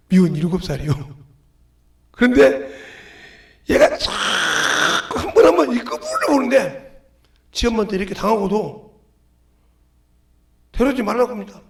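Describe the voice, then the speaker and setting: A man preaching a sermon with shouted peaks and sudden hushed drops, acting out a crying child and God's voice. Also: very high voice, big pitch swings, moderate pace, gravelly, long pauses. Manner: acts out a crying child and God's voice in quoted asides. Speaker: pastor. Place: church sanctuary. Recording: echoey church livestream.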